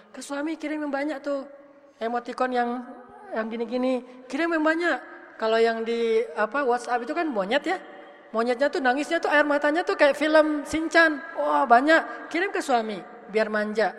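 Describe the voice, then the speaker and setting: A woman religious teacher giving a casual, humorous sermon, chatting with and questioning her audience. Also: on the high side. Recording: echoey hall reverb.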